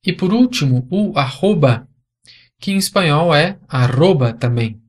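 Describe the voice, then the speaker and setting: A man with a Brazilian Portuguese accent teaching a language lesson, patiently explaining and repeating example words clearly. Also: fairly high pitch, animated, a little slow.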